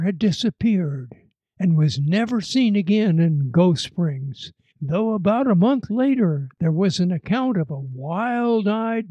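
A man telling a frontier tale aloud in a dramatic, lively storytelling manner. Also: high-pitched, no echo, muffled recording. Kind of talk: told tall tale.

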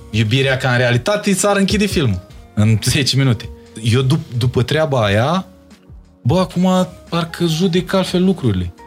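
Here a young man speaks in a mid-range voice, his Moldavian Romanian accent clear as he talks casually as an interview guest. He leans on repetition to stress his points.

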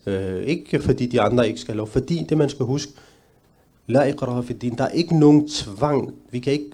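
A middle-aged man answering a question at a talk, earnest and measured, sometimes restarting a sentence. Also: mid-range voice, dark tone. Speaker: panel speaker.

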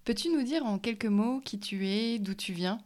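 A woman asking podcast interview questions in a clear, direct way. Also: mid-range voice, normal speed, darkish tone.

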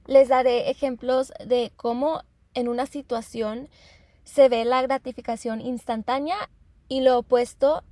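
A woman's voice: high voice, steady tone, mellow, dry recording. A woman giving an informal self-help talk, explaining with frequent rhetorical questions and repeating her phrases. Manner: halting, repeats and restarts phrases.

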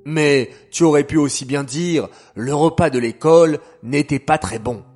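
A man voicing a gentle, patient father who teaches his children in a storybook tale. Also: a little high, soft background music, close to an everyday voice. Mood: gently instructive. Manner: calm, measured, gently instructive.

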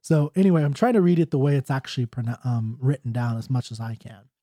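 Man, casual explainer, mellow warm voice, dry close sound. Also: mid-range voice, lively intonation, quick pace, no room sound. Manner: chatty, full of "you know" and "right?"; reads old Scots verse in a mock Scottish accent. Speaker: ballad reader and explainer. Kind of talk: casual explanation and poetry reading.

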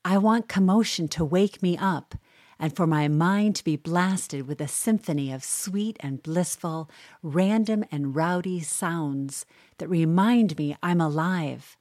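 A woman reading a humorous newspaper column aloud in a wry, measured, dryly humorous way. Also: lowish voice, darkish tone, no echo, studio quality.

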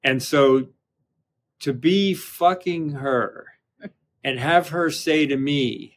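A man speaking as an interview guest in casual conversation, halting and often restarting his sentences. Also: fairly high pitch.

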